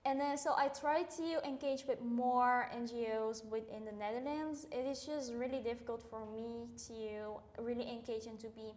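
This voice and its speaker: A woman's voice: fairly high pitch, steady tone, moderate pace, few pauses, a little mellow, echoey room. A young woman from Cambodia, co-hosting a podcast in casual chat, talking earnestly with many fillers and restarts. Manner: rambling, filler-heavy, earnest. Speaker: podcast co-host.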